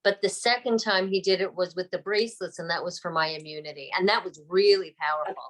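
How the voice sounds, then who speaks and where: A woman guest in casual chat, speaking calmly and matter-of-factly. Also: lowish voice, fast, poor audio.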